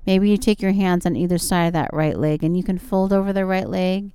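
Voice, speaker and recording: A woman's voice: on the low side, steady tone, a little fast, mellow, clean tone, dry recording. A woman yoga instructor leading guided stretching and relaxation in a soothing, encouraging manner. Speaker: yoga instructor and show host.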